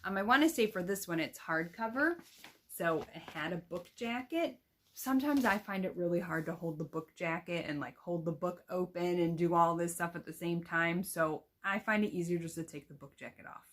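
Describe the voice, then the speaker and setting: Young teacher lady, kinda low voice, chatty, showing how to read a kids book out loud. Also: normal speed. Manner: explains then reads aloud with expression. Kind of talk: read-aloud demonstration.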